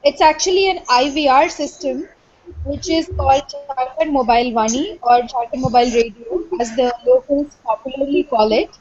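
Woman from India, doctoral student, husky, lo-fi online-call sound. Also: high-pitched, darkish tone. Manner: quick, halting with fillers. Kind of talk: self-introduction in online class. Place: video call. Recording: dull lo-fi online call audio.

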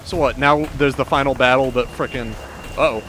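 A man hosting a casual game session with friends, excitable and quick with jokes, laughing often over a voice call. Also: mid-range voice, background noise. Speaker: gaming channel host. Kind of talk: casual gaming chat with friends.

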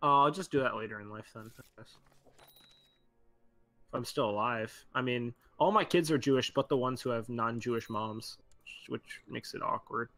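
Male gamer host, bright tone, casual running commentary on his play. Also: medium pitch, normal speed, no room sound, faint music behind. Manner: chatty, narrates his own game events aloud. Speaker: host playing a strategy game with friends. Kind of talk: casual gaming chat.

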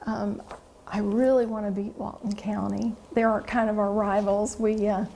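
A woman's voice: mid-range voice, little pitch movement, a little slow, gravelly, mellow, a little hiss or hum. A middle-aged woman giving casual interview answers indoors. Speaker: youth development faculty, interviewee. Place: indoors before a branded backdrop.

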